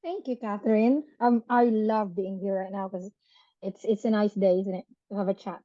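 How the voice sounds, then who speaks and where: A woman chats easily as a podcast guest. She laughs often and tags her sentences with little questions. Her voice is mellow, and the dry recording sounds slightly muffled. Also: mid-range voice, moderate pace, no room sound. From Philippines. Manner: chatty and animated, laughs often, tag questions. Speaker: podcast guest, business owner. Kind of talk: casual interview chat.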